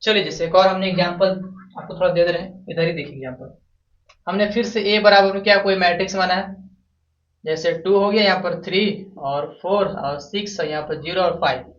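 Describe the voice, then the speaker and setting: This math teacher's voice is high and a bit bright, and he talks fairly quickly at the board. He asks the class questions, repeats them, and answers them himself. Dull lo-fi audio from a distant mic captures the echoey room.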